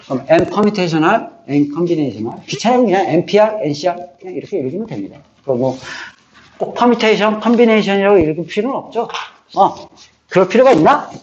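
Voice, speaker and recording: A man's voice: high voice, animated, fast talker, darkish tone. A man teaching a math lesson, who repeats key phrases for memorizing and checks in with his students again and again. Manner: checks in with listeners, often tacking on a questioning "eo?". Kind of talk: classroom lecture on combinatorics. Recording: slightly dull, faintly noisy lecture recording.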